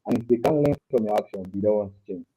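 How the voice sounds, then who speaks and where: A man's voice: lowish voice, dark tone, husky. A young man from Africa talking earnestly on a remote panel through a headset mic, his audio fuzzy with clipping distortion. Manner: earnest, halting, repeats his words. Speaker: panel guest. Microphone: headset mic on a call.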